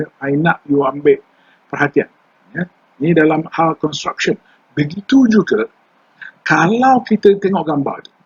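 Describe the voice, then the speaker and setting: Older Malaysian trainer, husky, a bit high, chatty lecture, lo-fi dull recording. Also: male voice. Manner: conversational, mixes English terms into Malay, quizzes the class. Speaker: environmental law trainer.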